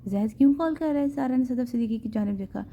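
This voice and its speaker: A woman's voice: a little high, dark tone, dull audio. A young woman narrating a romance novel aloud and giving each character a voice in the dialogue. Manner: acts every character in dialogue.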